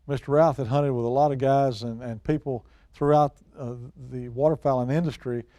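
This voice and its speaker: A man's voice: medium pitch, steady tone, normal speed, warm tone, no room sound. A middle-aged or older man, talking casually and telling hunting stories in a folksy, plain-spoken way. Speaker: guest expert and outdoors show personality. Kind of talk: casual hunting talk and storytelling.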